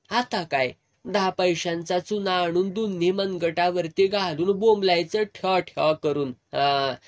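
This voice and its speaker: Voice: mid-range voice, lightly acted. A narrator voicing a scolding old village woman. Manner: scolding, rough rural speech.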